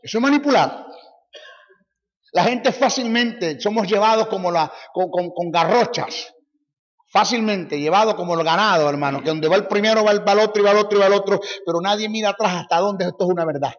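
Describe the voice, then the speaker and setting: A man preaching a sermon as a Bible teacher, forceful and mocking, hammering his points through repetition, in an echoey hall on a dull, lo-fi recording. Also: high-pitched, fairly quick.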